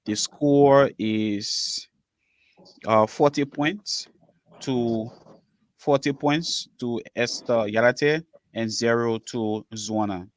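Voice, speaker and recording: A man from Liberia announces quiz scores and questions in a mid-pitched, firm voice. The sound is close and dry with no room around it. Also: very slow, dry recording. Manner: firm, insistent. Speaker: quiz moderator.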